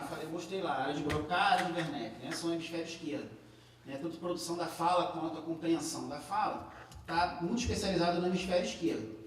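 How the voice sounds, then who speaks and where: A man's voice: high voice, a little hiss or hum. A man with a Brazilian Portuguese accent giving a live classroom lecture, explaining step by step with frequent tag questions and restarts. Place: large echoey lecture room. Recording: echoey hall recorded from a distance.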